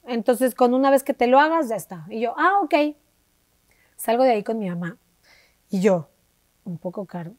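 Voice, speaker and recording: A woman with a Mexican accent tells her story in an interview, animated and chatty. She acts out dialogue, shifting her voice for each person she quotes. Her voice sits fairly high and the sound is dry and close. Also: moderate pace, long pauses, dry recording. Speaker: interview guest. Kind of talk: conversational storytelling.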